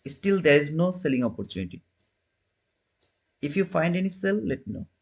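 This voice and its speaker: A very animated, creaky voice with fairly high pitch comes from a man in his thirties hosting a relaxed trading stream at a moderate pace. His replies to viewer comments use non-native phrasing and often restart midway.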